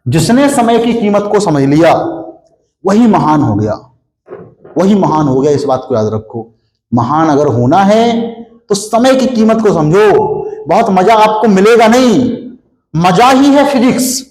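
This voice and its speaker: A high voice with a darkish tone, heard with roomy sound on poor audio, belongs to a young man with a sore throat teaching physics. The studio has a board, is hot and lacks air conditioning. He goes step by step, putting questions to students and answering them on his own.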